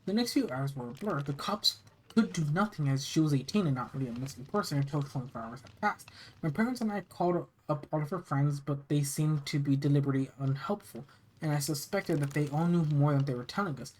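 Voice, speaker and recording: Halting storyteller reading a scary story aloud. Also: medium pitch, a little mellow, a little hiss or hum, low-quality recording. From United States. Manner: halting reading, often stumbling and repeating phrases. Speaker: narrator reading scary stories. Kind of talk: reading a first-person horror story aloud, with casual asides.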